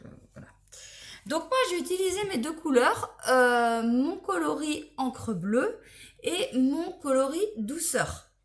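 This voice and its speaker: Lady chatting about her knitting, kinda high voice, rambly, checks stuff as she talks. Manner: chatty, rambling, restarts and checks things aloud. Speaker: knitting vlogger. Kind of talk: casual chat.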